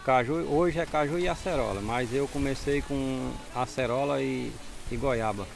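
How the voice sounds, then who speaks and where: A middle-aged farmer from Ceará, with a northeastern Brazilian accent and a mid-range, creaky voice, speaks plainly at normal speed in a casual interview outdoors on his farm. He talks into a handheld mic with a furry windscreen while music plays in the background.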